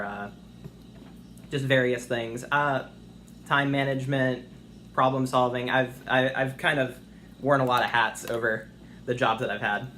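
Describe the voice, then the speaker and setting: A man's voice: mid-range voice, sharp tone. A young man answering job interview questions in an eager, chatty, polite and informal way. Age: young adult. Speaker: internship applicant being interviewed. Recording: faint noise, phone interview on speaker.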